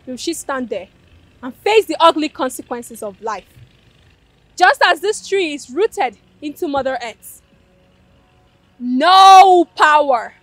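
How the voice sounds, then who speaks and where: A vengeful ghost chanting a curse, high, slow, dry. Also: female voice, no room sound, rough recording. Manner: solemn, incanting. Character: vengeful female spirit casting a curse.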